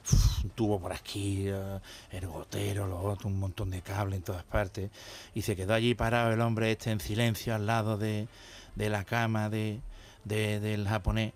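A man's voice: mid-range voice, clean tone. A man telling jokes in a chatty way, often restarting his phrases. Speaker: joke teller on a show. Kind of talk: casual joke telling.

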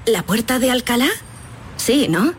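A woman acting a squealing, excited car-ad passenger. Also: fairly high pitch, unhurried, a little hiss or hum.

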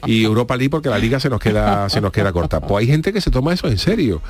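A man, a guest on a radio talk show, telling stories in a joking, animated way. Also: on the low side, fast talker, dry recording. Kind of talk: casual radio chat.

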